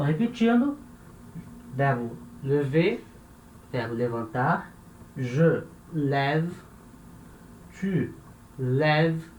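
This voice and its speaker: A man with a Brazilian Portuguese accent, teaching a lesson and patiently repeating and spelling out each example. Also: fairly high pitch. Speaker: language teacher. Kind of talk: explaining French grammar in Portuguese. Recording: echoey room with faint noise.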